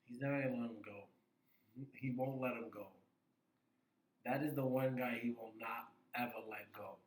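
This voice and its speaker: A man's voice: mid-range voice, moderate pace, a little hiss or hum. A man co-hosting a casual wrestling podcast, talking with energy and repeating his points for emphasis. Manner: animated, repeats himself for emphasis. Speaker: podcast co-host. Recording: echoey room.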